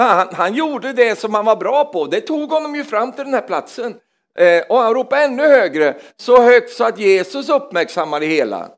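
In a church, a man delivers a charismatic sermon, swinging between loud exclamations and hushed asides and often repeating words. His voice is high and creaky.

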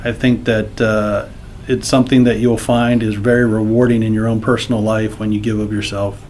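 A man's voice: on the low side, level tone, moderate pace, darkish tone, soft background music. A man speaking as an interview guest for a blood center, sincere and dotted with fillers. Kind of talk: interview talk.

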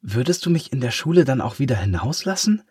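A man voicing a small, curious ink blot with a high, eager, questioning voice in a storybook. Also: big pitch swings, fast talker, a little mellow, husky, dry recording, clean studio sound. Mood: timid.

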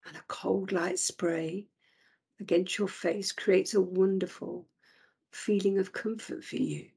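A woman leads a guided relaxation at an unhurried, lingering pace, her voice low and gravelly. She speaks soothingly and often sinks into soft whispers, her tone heavily breathy throughout. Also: fairly even intonation. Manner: slow, soothing, drifting into whispers.

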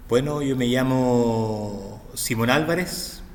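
A man's voice: medium pitch, slow pace, in a large hall, slight background noise. A middle-aged man with a Chilean accent, speaking as an interview guest in a hesitant, reflective way with frequent restarts. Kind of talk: interview conversation.

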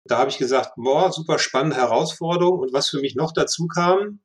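A man's voice: fairly high pitch, brisk. A man, a sales director, answering questions in a business interview, often restarting and repeating words as he thinks.

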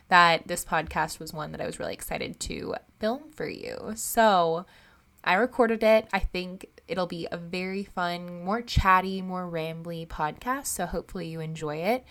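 A young woman hosting a podcast in a casual, rambling chat, her voice still raspy from recovering after losing it, chatty and upbeat with lots of fillers. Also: lowish voice, fairly bright tone. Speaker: podcast host.

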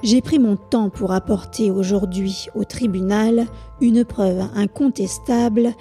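A woman voicing a cocky young male reporter who speaks in an unhurried, self-assured way. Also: mid-range voice, fairly even intonation, mellow, faint music behind, close to an everyday voice.

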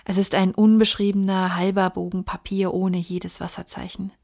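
Sharp detective guy explaining stuff step by step, read by a woman, gravelly. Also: medium pitch, little pitch movement. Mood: reasoning. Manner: measured, lecturing reasoning. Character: sharp, precise male detective explaining deductions. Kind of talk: audiobook reading.

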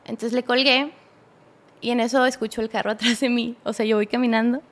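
A young woman with a Mexican accent, a podcast guest telling a personal story in a halting way with many restarts. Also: a little high, steady tone.

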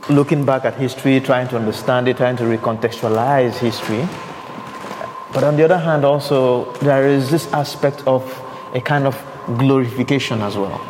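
A man hosting a podcast asks long, searching questions, often restarting mid-sentence. He records inside an exhibition hall with a long, lingering reverb. A clear layer of ambient noise runs under his voice. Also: mid-range voice, a little mellow. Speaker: podcast host, interviewer. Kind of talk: podcast interview. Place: exhibition space indoors.

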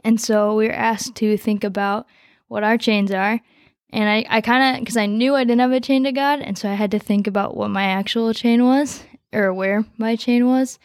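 Teen girl guest, high schooler, flat delivery, easygoing and rambling, dry close mic. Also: no room sound. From United States. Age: teens. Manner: relaxed, rambling with fillers. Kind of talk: casual conversation, personal story.

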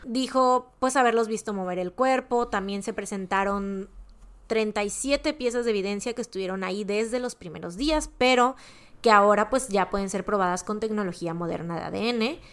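A woman's voice: medium pitch, moderate pace. A woman with a Mexican accent, casually recounting a true-crime case as a podcast co-host. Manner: chatty, slangy, recounting a case with asides.

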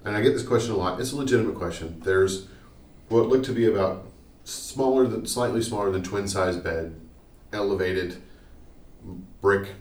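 Podcast host, very low voice, rambly storyteller, roomy distant mic. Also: male voice, normal speed, darkish tone. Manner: chatty, rambling, explains local history. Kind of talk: casual chat. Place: small study room. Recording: echoey room, mic at a distance, faint noise.

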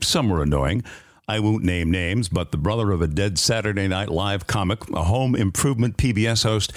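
Lively-voiced man in his sixties, radio commentary. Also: deep voice, dry recording. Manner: dry anecdotal storytelling. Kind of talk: scripted news commentary. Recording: dry close studio sound.

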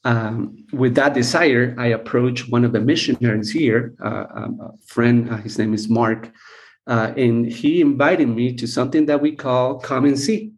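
A middle-aged man from Costa Rica, a missions team leader, calmly telling his life story as a podcast guest, with many pauses and "uh"s. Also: medium pitch. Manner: measured, unhurried, with frequent "uh" pauses. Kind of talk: relaxed personal storytelling.

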